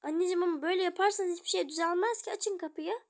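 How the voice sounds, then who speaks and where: A woman's voice: very high-pitched, very fast. A young woman voicing a fussy, caring mother in a toy role-play game, coaxing and scolding her sulky children. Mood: pleading.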